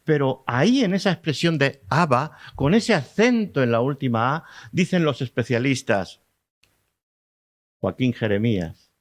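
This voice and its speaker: A man with a Spanish accent preaching a sermon, explaining slowly, repeating key words and asking the congregation rhetorical questions. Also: medium pitch, animated. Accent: Spanish from Spain.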